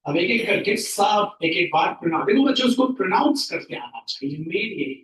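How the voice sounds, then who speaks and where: A male tutor teaching a math class, speaking slowly and repeating key terms for his pupils, with a mix. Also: high-pitched, big pitch swings, fairly bright tone. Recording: roomy classroom, mic at a distance.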